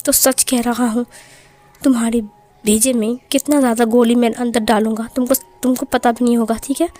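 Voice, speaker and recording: A woman's voice: on the high side, darkish tone, natural voice. A woman voicing a short-tempered young male mafia boss who snaps and threatens. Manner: snapping, threatening, bossy.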